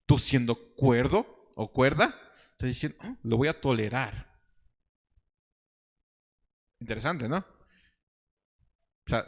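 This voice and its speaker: A man preaching a sermon in an animated, ironic way, reading verses slowly and pitching quoted lines up high. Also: long reverb tail. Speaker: pastor.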